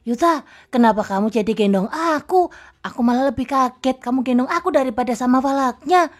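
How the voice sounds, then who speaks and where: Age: adult. Figure: Cat Butler, a jumpy talking cat voiced by a woman. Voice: high, dropped a little lower than her own. Style: game role-play voice-over. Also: a little hiss or hum, lightly acted. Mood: puzzled. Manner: jumpy, quick to panic.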